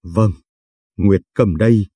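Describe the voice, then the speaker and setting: A man voicing a shy, polite young woman with a limp, speaking softly and timidly in a storybook reading. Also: lowish voice, slow pace, slightly rough, dry recording. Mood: shy, teasing.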